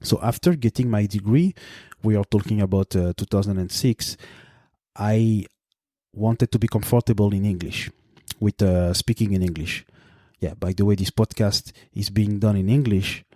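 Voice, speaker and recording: A man in his late thirties from Belgium, a native French speaker with a Belgian French accent, hosting a solo podcast in a measured way with frequent fillers and restarts. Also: lowish voice, dark tone, no room sound, studio quality. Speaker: podcast host.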